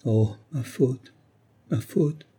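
A man's voice: medium pitch, moderate pace, dark tone, husky, natural voice. A man reading an audiobook and voicing a desperate, remorseful woman who pleads and wails. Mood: anguished. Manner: wailing, pleading outbursts.

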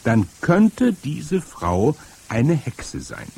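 A man reading aloud and voicing a stern old grandmother who explains things firmly, with a husky voice. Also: on the high side, huge pitch swings, darkish tone, pitched above the performer's own voice, full character voice. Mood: stern, lecturing. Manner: firm, lecturing, drawn-out emphasis. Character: stern old grandmother, matter-of-fact storyteller. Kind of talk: audiobook reading.

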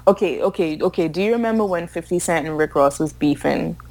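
A woman's voice: fairly low pitch, brisk, darkish tone, rough recording. A woman co-hosting a casual podcast chat, opinionated, swearing freely and often laughing as she talks. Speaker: podcast co-host.

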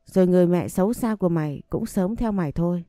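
A woman's voice: lowish voice, fast talker, dark tone, dry recording, studio quality, soft background music, lightly acted. A woman voicing a cruel, scheming woman who taunts with open contempt, in an audio story. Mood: sneering.

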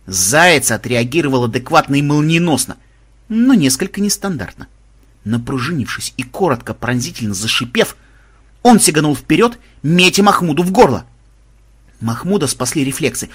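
A man's voice: on the high side, a bit bright, slightly rough. A man reading a humorous adventure story aloud as an audiobook narrator, voicing each character's lines in turn.

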